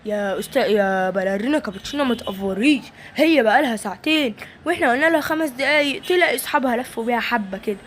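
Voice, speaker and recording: A woman's voice: a little high, lively intonation, very fast, slight background noise, voice pushed down, lightly acted. A woman doing a dismissive Egyptian man. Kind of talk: toy play-acting video.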